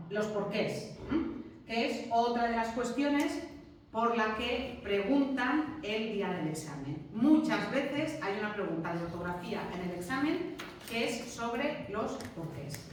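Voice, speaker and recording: A woman's voice: fairly high pitch, slight background noise. A woman teaching a spelling lesson, explaining patiently and often checking that the class follows. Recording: very echoey room, from far off.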